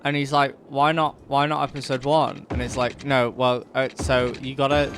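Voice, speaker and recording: A man's voice: mid-range voice, flat delivery, normal speed, background noise. Dry, storytelling young man. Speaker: gaming podcast co-host. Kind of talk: casual chat over gameplay.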